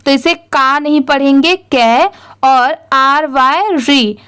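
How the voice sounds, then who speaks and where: A woman's voice: high voice, steady tone, slow, a bit bright. A woman teaching English reading, spelling words letter by letter and answering her own questions. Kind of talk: slow spelling-out lesson.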